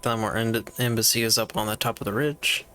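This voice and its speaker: A man's voice: lowish voice, level tone, fairly quick, pushed and bright, clean tone, faint music behind. A man chatting casually to himself as he streams a game, rambling about his inventory and stream problems. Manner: rambling, talks to himself while playing. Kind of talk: casual gameplay commentary.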